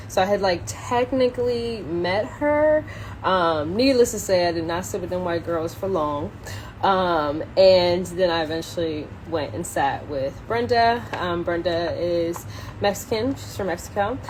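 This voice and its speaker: A young adult woman livestreams, introducing a book reading in casual, unscripted chat that rambles along in slangy, hesitant, self-conscious speech. Her voice is on the low side, and the rough recording carries a little hiss or hum.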